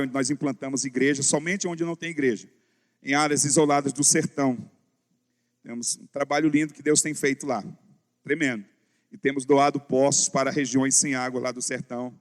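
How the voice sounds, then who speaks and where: A male pastor preaching a sermon, telling stories in an animated way and acting out dialogue. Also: mid-range voice. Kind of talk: sermon with storytelling. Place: large church hall. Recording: long church hall reverb.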